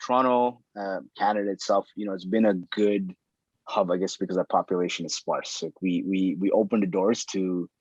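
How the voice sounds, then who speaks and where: Husky low-voiced man, casual and searching, circles his own phrases; dull lo-fi sound. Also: fairly even intonation, fairly quick, a little mellow, dry recording. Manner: thinking aloud, circling back on phrases. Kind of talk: casual conversation.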